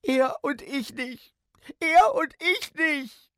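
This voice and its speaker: A man voicing a small boy who pleads and protests in a high, loud, tearful voice, in a dry-sounding storybook reading. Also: lively intonation, measured pace, no room sound, exaggerated voice. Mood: sobbing.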